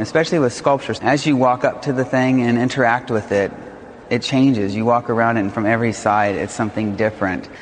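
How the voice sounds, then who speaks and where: A man talking thoughtfully and unscripted as an artist about his work, searching for his phrasing. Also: medium pitch. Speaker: artist, sculptor. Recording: long reverb of large hall.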